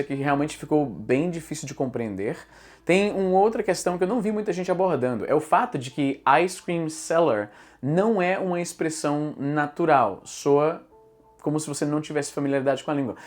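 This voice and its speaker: A man's voice: on the high side, darkish tone. A man with a Brazilian Portuguese accent giving a patient explanation of English usage, working through examples as a YouTube teacher. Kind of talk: explanatory commentary.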